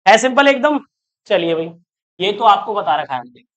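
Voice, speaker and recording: High-voiced man teaching math. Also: big pitch swings, moderate pace, a bit bright. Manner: constantly checks if students follow, coaxing questions; talks through steps aloud, counting terms. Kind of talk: online classroom math lecture.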